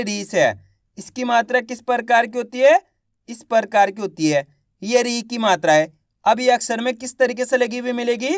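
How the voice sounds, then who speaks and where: A man's voice: extremely high pitch, no room sound, studio quality. Man teaching reading, sounding out syllables. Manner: asks a question and answers it himself, repeating each sound; slow, drawn-out syllables when sounding out letters. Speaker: online Hindi reading teacher. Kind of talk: video reading lesson.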